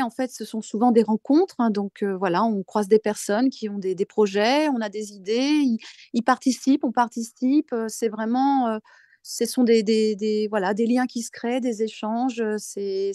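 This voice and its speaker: A woman's voice: mid-range voice, mellow, no room sound, studio quality. A woman with a Parisian French accent giving a personal account in a conversational interview, often hesitating as she searches for words. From Paris, France. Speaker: guest, author and radio columnist.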